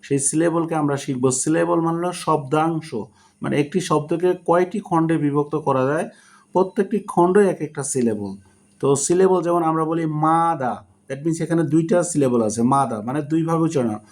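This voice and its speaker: Slow-explaining man teaching English syllables. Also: on the high side, darkish tone. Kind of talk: spoken English lesson.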